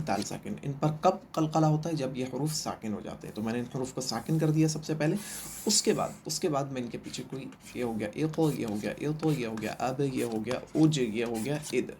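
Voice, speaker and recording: A man's voice: mid-range voice, a little mellow, a little hiss or hum. A man teaching Quran reading in a recorded online lesson, patiently asking questions and answering them himself, and repeating each sound three times.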